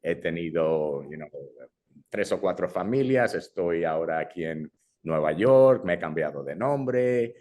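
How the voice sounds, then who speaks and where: His low voice is expressive and a little mellow, delivered at a measured pace. A young man from Brazil who grew up in Madrid, he's a filmmaker chatting loosely in an interview, restarting sentences and tossing in English fillers.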